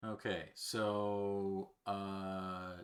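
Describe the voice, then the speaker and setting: A man with a low voice runs a tabletop game, speaking slowly and haltingly. He fills his pauses with plenty of hesitations. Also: level tone, a little hiss or hum. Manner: slow, halting, many fillers. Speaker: game master. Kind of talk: narrating a tabletop game over a call.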